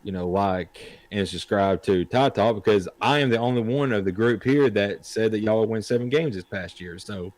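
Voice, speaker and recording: Low-voiced man, jokey co-host. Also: moderate pace, hardly any pauses, a little mellow, no echo. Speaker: podcast co-host. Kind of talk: casual sports chat.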